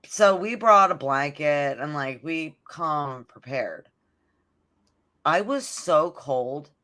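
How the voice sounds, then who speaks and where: A woman's voice: sits low, animated, takes it slowly, bright, forceful tone. A woman co-hosting a podcast, telling stories in casual chat and leaning on "like" a lot. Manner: chatty storyteller, fills talk with "like". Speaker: podcast co-host.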